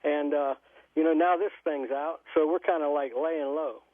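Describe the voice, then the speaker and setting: A man's voice: fairly high pitch, fairly even intonation, moderate pace, no room sound. Male caller over a landline phone, rambling and folksy, dry thin phone sound. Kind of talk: casual call-in chat. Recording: tinny phone line.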